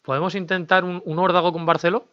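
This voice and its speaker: A man's voice: sits high, little pitch movement, quick pace, sharp tone, dull audio. A man giving casual, chatty commentary as he plays a management game, talking to himself and his viewers. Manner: chatty, talks to himself and viewers while negotiating. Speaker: gaming YouTuber.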